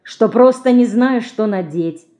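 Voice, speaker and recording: A woman voicing a modest, gentle mother who frets over her children in an audiobook. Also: fairly high pitch, a little slow, voice pushed up, natural voice.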